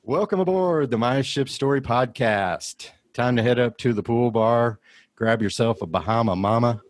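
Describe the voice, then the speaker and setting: A man's voice: medium pitch, dry recording. A man hosting a casual podcast, rambling a little and restarting his sentences. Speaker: podcast host.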